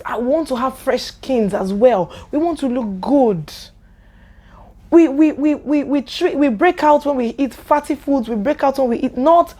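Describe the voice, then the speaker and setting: A woman's voice: high voice, darkish tone. A young Nigerian woman vlogger with a Nigerian accent, ranting angrily to camera and firing off exasperated rhetorical questions. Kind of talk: angry rant to camera.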